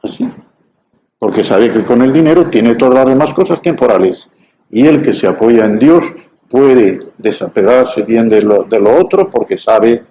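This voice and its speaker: A man from giving an evening Bible study, explaining passages in a measured way with asides on Greek words. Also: lowish voice. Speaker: Bible teacher. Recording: dull lo-fi recording with faint hiss.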